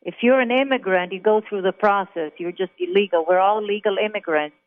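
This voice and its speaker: Over a thin, tinny phone connection, an Israeli woman with a medium-pitched voice talks a little fast. Calling in to talk radio for a phone interview, she tells her story in an emphatic, chatty way.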